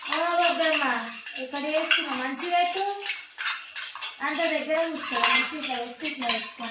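A woman's voice: high-pitched, fairly quick, heavy background noise. A woman hosting a casual home vlog, coaxing and questioning children in a sing-song way. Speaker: vlogger and mother. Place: home, children playing with toy kitchen sets. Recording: echoey room, voice from a distance, loud clattering of toy dishes.

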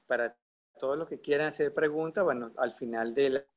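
A man's voice: medium pitch, brisk, dull audio. A middle-aged man moderating an informal online forum, speaking hesitantly and groping for words. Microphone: earbud headset on a video call.

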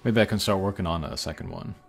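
A low, gravelly-voiced man talks fast as he hosts a gaming channel. Over background game music he thinks out loud about his mobile game pulls, his commentary casual and hesitant.

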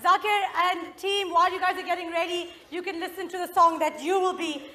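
A woman hosting a comedy game show on stage, brisk and teasing. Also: very high-pitched, steady tone, sharp tone, a little hiss or hum. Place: large indoor stage.

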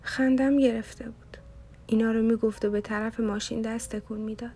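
A woman narrating an audiobook in steady storytelling. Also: on the high side.

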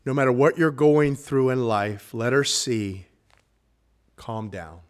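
A man preaching a sermon in a church, quoting old King James scripture and asking the congregation questions, dropping from loud to hushed. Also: medium pitch, a little slow. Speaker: guest preacher. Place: church sanctuary.

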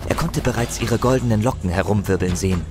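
A man with a natural, low-leaning voice tells a fantasy audio drama at a fast clip, sounding grave and intense. Music and effects back his dramatic narration.

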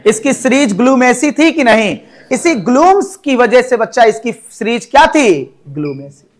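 A man's voice: extremely high pitch, big pitch swings, moderate pace. A man teaching a biology class, lecturing in a coaxing way and asking students questions over and over.

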